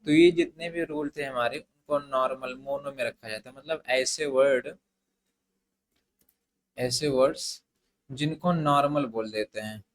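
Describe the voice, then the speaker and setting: A man's voice: mid-range voice, a little slow, long pauses, poor audio. A man teaching an English grammar lesson, mixing Hindi and English in a hesitant style with many fillers and restarts. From India.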